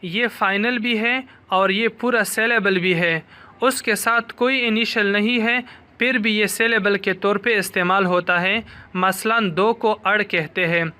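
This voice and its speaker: A man teaching a language lesson, slowly drilling pronunciation and saying each syllable twice before explaining the rules. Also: high-pitched, fairly even intonation, pushed and bright, clear, resonant tone. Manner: slow, deliberate, repeats each syllable twice.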